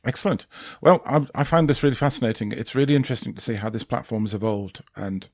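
A man's voice: mid-range voice, fast talker, darkish tone, no room sound. A man hosting a conversational interview podcast, thinking aloud and rephrasing as he goes. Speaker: podcast host.

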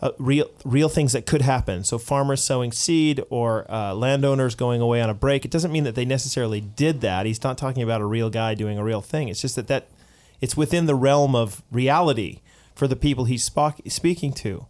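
A man's voice: medium pitch, brisk, hardly any pauses, darkish tone. A man who is a pastor, talking casually and with animation, often restarting his sentences. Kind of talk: casual chat.

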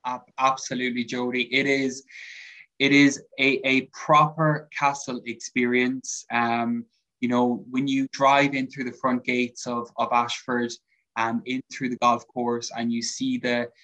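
A man's voice: mid-range voice, flat delivery, unhurried, bright, forceful tone, rough recording. A man with a west of Ireland accent speaking as an interview guest in a conversational way, often repeating words as he goes. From County Mayo, Ireland. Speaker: hotel sales executive, interview guest.

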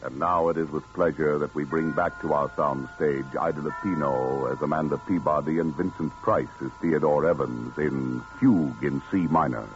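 1940s suspense introduction, extremely low male voice, formal announcing, dull recording, prominent music behind. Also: moderate pace, hardly any pauses. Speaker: program announcer. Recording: muffled radio recording under loud music.

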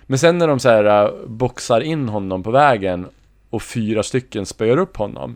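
A man co-hosts a film podcast, talking in a relaxed, musing way. His voice sits somewhat low for a man. The chat is easygoing and unhurried. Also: no room sound, clean studio sound. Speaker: podcast co-host. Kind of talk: casual film discussion.

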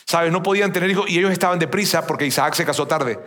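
High-voiced pastor chatting through a sermon. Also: male voice, quick pace, fairly bright tone. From Venezuela. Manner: chatty, repeats words, keeps asking the congregation "you know?". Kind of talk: conversational sermon. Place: church before a congregation.

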